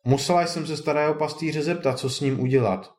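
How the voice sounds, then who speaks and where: A man's voice: on the high side, darkish tone, voice pushed up, close to an everyday voice. A man voicing a worried peasant mother who chides her son, in a storybook reading. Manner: fretful, chiding.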